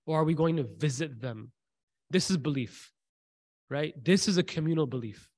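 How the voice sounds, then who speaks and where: A man's voice: a little high, animated, moderate pace, a little mellow, no room sound. A man teaching a religious class who tells stories, repeats key phrases for emphasis, asks his listeners questions and recites short Arabic passages. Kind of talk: faith class talk with storytelling.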